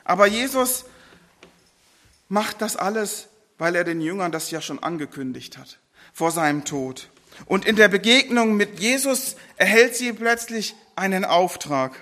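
A man's voice: sits high, expressive, unhurried, pushed and bright. A man giving a sermon, retelling the story with feeling and briefly acting out the people in it. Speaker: preacher.

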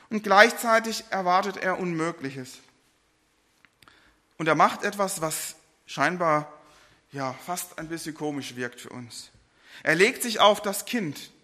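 A middle-aged man preaching a sermon, earnest, rising for quoted laments and dropping low and soft between.

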